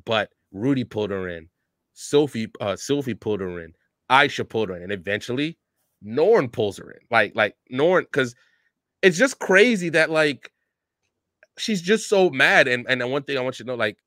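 A co-host of a casual anime review chat speaks emphatically and with animation, restarting sentences often and saying "like" a lot. His medium-pitched voice moves at a moderate pace in clean, studio-quality audio with no room sound.

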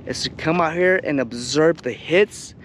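With a somewhat high, a bit bright voice and a measured pace, a man in his thirties narrates his fishing trip for a vlog. He's easygoing and chatty, using many fillers, and his shoreline recording comes from an action camera held in hand or on his chest, with faint outdoor noise.

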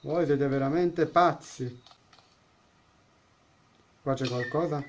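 A man's voice: a little high, takes it slowly, lo-fi sound, slight background noise. Jokey man narrating a horror game. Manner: jokey, chats with the game characters, startled exclamations. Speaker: gaming YouTuber. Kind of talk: let's-play horror game commentary.

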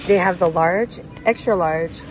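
A woman's voice: on the low side, a little slow, music in the background, rough recording. A woman chatting casually to her phone camera as she walks a supermarket aisle, eagerly pointing out bargains. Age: adult with a son. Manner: chatty, enthusiastic about bargains. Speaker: shopping vlogger. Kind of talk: casual shop-with-me narration. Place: indoors in a discount supermarket aisle. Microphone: handheld phone camera. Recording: store noise in the background.

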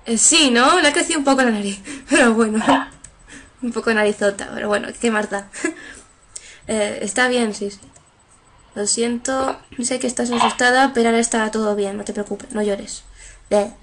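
Wearing a headset, this young female gamer chats away as she plays, voicing the game's lines and translating them on the spot with many fillers. Her tone is fairly bright and a little high, at a moderate pace.

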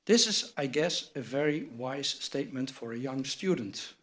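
An older man with a mid-range, expressive voice and a fairly bright tone reads formal award citations from notes at a lectern microphone in a large wood-panelled hall. He presents awards at a university ceremony, delivering a measured, scripted address. A little hiss or hum can be heard.

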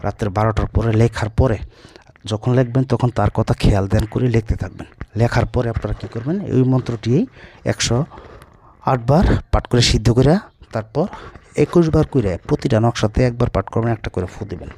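A man's voice: mid-range voice, a little fast, dark tone, a little hiss or hum. A man, a folk healer giving brusque, repetitive spoken instructions to the camera. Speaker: folk healer demonstrating a ritual.

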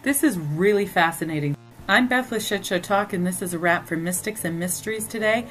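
A woman's voice: medium pitch, fairly quick, fairly bright tone, soft background music, rough recording. A woman hosting a commentary show, talking in an earnest, speculative way. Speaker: host. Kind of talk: scripted commentary.

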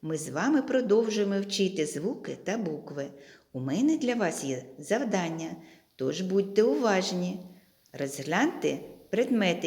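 A woman teacher giving a literacy lesson to young children, drawing out each sound and chanting letters aloud. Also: fairly low pitch. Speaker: primary school teacher.

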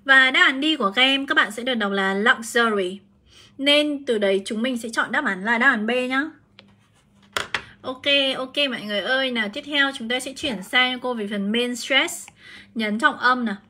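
A Vietnamese woman who teaches English leads a chatty exam prep lesson on a live stream, explaining each answer step by step. Her voice is fairly high, bright and forceful.

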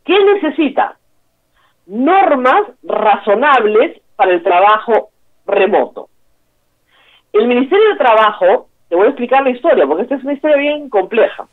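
A woman's voice: fairly high pitch, sing-song, moderate pace. A woman from Peru hosting a political talk show, giving emphatic, opinionated commentary and repeating key words for stress. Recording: tinny phone line.

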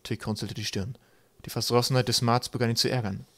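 Steady male audiobook narrator, dry. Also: medium pitch, brisk, no room sound.

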